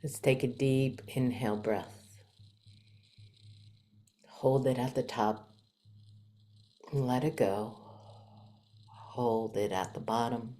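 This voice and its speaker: Speaking softly and gently, a woman guides a meditation with long pauses and a touch of breathiness. Her voice sits at an extremely low pitch and keeps a steady tone.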